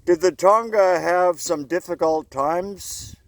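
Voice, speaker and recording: Hesitant Canadian interviewer outdoors. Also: male voice, sits high, slow, dry recording. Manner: hesitant, starts questions twice. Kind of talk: asking interview questions. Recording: windy outdoor recording, boat noise.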